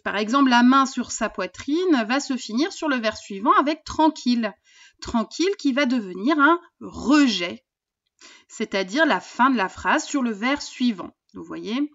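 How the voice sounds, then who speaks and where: A woman teacher giving a recorded poetry lesson. She explains patiently and often pauses with fillers. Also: a little high, a bit bright, lo-fi sound.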